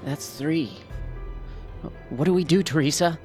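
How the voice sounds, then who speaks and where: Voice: mid-range voice, unhurried, darkish tone, soft background music, natural voice. Cheeky, grumbling teenage boy, played by an actor. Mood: worried. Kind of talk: dramatized true crime audio drama.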